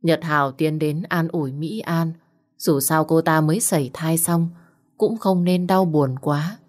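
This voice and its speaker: A woman narrating a scripted family drama in a steady storytelling manner. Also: deep voice, measured pace.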